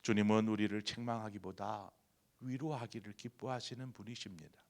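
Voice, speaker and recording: A man's voice: lowish voice, fairly even intonation, moderate pace, gravelly. A middle-aged man preaching an early morning sermon, telling a story and voicing quoted lines, building to emphatic peaks. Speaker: pastor.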